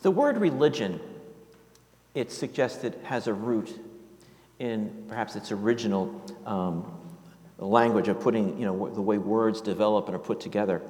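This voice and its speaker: Low-voiced pastor preaching in a reverberant hall. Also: male voice, darkish tone. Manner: halting, with many fillers and restarts. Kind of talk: sermon. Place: church.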